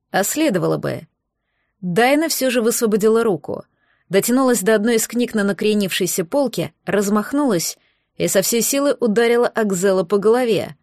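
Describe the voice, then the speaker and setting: A woman narrating a fantasy novel in first person, calm and measured. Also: mid-range voice, no echo, clean studio sound. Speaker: audiobook reader.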